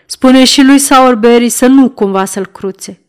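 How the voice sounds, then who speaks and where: A woman voicing a harsh, stern gentleman urging a boy be punished. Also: a little high, clear, resonant tone, natural voice.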